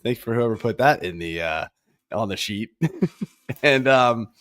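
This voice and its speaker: A podcast host with a lowish, slightly bright voice runs a casual fantasy baseball show, animated yet unhurried, his voice a little worn from losing it. He rambles easily with lots of fillers, in a dry, studio-quality recording.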